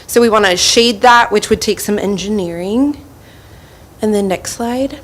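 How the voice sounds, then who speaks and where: A woman's voice: mid-range voice, a little slow. A woman presenting a school farm plan at a board meeting, explaining with frequent fillers and a little out of breath. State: slightly out of breath.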